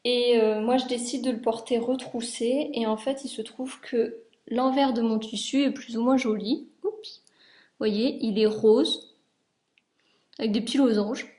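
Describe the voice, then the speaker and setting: A young Frenchwoman with a slightly high voice talks through her homemade clothes in a relaxed, rambling sewing vlog. She's chatty and fills pauses often while she shows the garments and their details.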